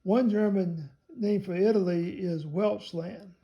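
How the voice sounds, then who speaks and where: A man reading a theology text aloud in a measured way, spelling out some words letter by letter. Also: high voice, dull audio.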